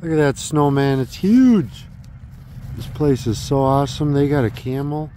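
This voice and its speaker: Man, thirties, enthusiastic vlogger, outdoor phone selfie recording, dark mellow tone. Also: a little high, unhurried, slight background noise. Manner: enthusiastic, chatty, exclaims often. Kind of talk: casual vlog narration. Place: outdoors at a Christmas tree farm. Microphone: phone held at arm's length.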